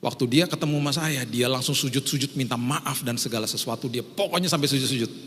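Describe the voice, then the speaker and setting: A middle-aged pastor from Indonesia tells a story from the pulpit in a voice of ordinary pitch, animated and anecdotal, slipping into the voices of the people in his tale. His words ring out with a long reverb, as in a large hall. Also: fast. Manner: lively anecdotal storytelling, acts out quotes. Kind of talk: storytelling sermon.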